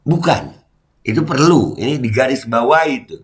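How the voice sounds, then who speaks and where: A middle-aged man, heated and mocking, ranting as a commentary YouTuber and shouting when angry. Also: medium pitch, sing-song, moderate pace.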